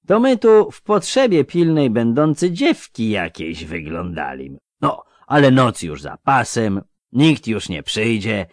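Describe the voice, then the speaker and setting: A man voicing a lisping highway thug in an audiobook, speaking with a slight lisp and a sneer. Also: no echo, studio quality. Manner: sneering, menacing. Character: lisping armed male highway thug, mocking. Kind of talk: audiobook character voice.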